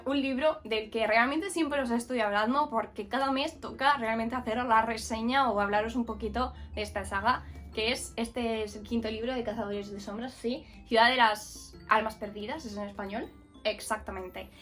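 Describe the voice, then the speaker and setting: A woman's voice: on the high side, normal speed, fairly bright tone, soft background music. A woman from Murcia, giving a casual, frank book review with many fillers and restarts. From Murcia, Spain. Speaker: book vlogger.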